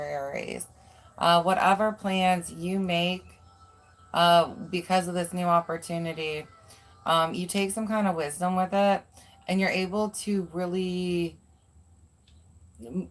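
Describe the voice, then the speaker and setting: Casual, swearing woman tarot reader. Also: lowish voice. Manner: chatty, swears freely, many fillers like "um" and "like". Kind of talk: casual live tarot reading.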